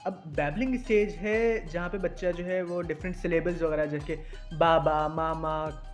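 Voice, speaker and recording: A man's voice: sits high, normal speed, a little mellow, faint music behind. A young man teaching in a casual discussion, explaining step by step and often checking that listeners follow. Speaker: teacher explaining language acquisition.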